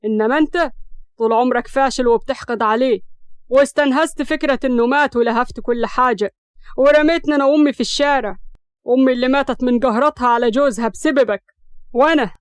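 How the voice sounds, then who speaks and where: A woman with an Egyptian accent voicing a proud, defiant young Upper Egyptian man who shouts in anger and turns to cold mockery. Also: fairly high pitch, quick pace, no room sound, clean studio sound, lightly acted. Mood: furious.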